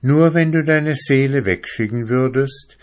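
A man voicing a young female mermaid in a soft, simple way, pitched up from his own voice. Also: unhurried, natural voice. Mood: gentle. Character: gentle little mermaid, young female sea creature.

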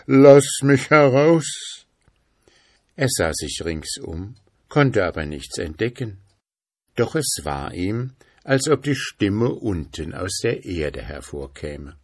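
A man reading an old fairy tale aloud in an expressive storytelling manner. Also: low-pitched, no echo, clean studio sound.

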